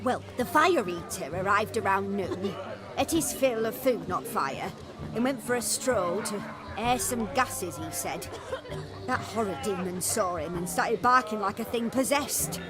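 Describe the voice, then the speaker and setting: An actress playing an excitable, proud mother of a bride in a video game, chatty, dramatic and easily indignant. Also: mid-range voice, unhurried, close to an everyday voice. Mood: gossipy. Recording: game music and crowd behind the voice.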